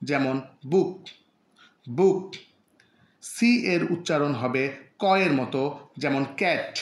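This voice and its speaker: A man's voice: fairly high pitch, roomy sound. A man teaching English letter sounds in a scripted lesson, saying each example word twice. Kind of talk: slow scripted phonics lesson.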